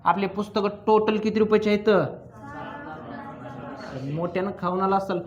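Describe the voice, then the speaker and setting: A man teaching accounts in a classroom, with a high-pitched voice. He keeps firing questions at the students and pulls their answers out of them. His delivery is teasing and full of drills. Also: level tone, normal speed, dull audio. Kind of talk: classroom lecture.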